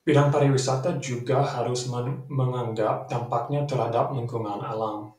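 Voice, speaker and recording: Male, Australian accent, native English speaker, foreign learner of Indonesian; careful, deliberate formal speech, distant mic with roomy echo. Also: mid-range voice, steady tone, a little mellow. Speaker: speech contest entrant.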